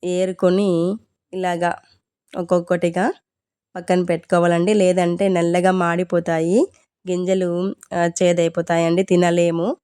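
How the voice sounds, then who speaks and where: A woman's voice: lowish voice, little pitch movement, a little slow, pauses often, warm tone, clear, resonant tone, no room sound, clean studio sound. A woman narrating a casual vlog in a chatty, polite, explanatory way. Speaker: home vlogger.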